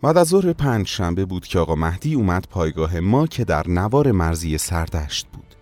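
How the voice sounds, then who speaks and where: Solemn low-voiced male narrator. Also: very animated, darkish tone, soft background music. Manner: slow, solemn storytelling. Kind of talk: scripted memorial narration.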